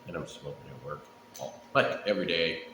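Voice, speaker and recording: A middle-aged man with a low voice talks in a loose, rambling way. He takes his time, pausing often and speaking plainly. The room is echoey, with faint noise behind him. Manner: laid-back, profane, unhurried with frequent pauses. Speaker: pipe-smoking vlogger. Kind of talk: casual rambling solo chat.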